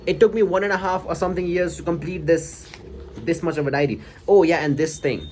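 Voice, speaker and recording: A young man with an Indian accent and a fairly high voice goes through his old diary in a casual, personal vlog style. He is halting and reflective, slightly self-conscious about how cringe it is. Background noise is clearly audible. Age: young adult. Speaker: vlogger.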